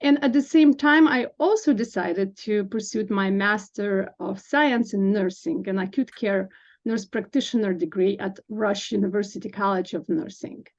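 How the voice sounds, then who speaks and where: A woman in her forties from Lithuania talks earnestly as a podcast guest, her explanations full of small fillers and soft laughs. Her voice sits at an ordinary middle pitch, and the recording sounds slightly dull and lo-fi. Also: normal speed. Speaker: nurse practitioner guest. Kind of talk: podcast interview.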